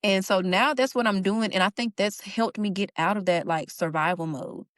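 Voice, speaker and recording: On a podcast, a young stay-at-home mother chats in an earnest, heartfelt, informal way, using Southern-flavored phrases like "y'all." Her mid-range voice is a bit bright and moves at a normal speed, captured in studio quality without echo.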